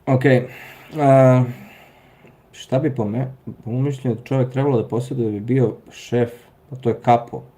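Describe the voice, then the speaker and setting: A man's voice: mid-range voice, steady tone, normal speed, dark tone. A man in his thirties with a Serbian accent, hosting a casual live stream and answering viewer comments with dry sarcasm and frequent chuckles. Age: 30s.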